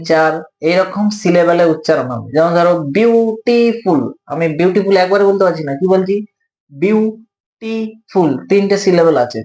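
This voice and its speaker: A man's voice: high-pitched, a little mellow, reverberant, low-quality recording. A man with a Bengali accent explaining English grammar, patient and repetitive, asking and answering his own questions. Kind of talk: explanatory lesson.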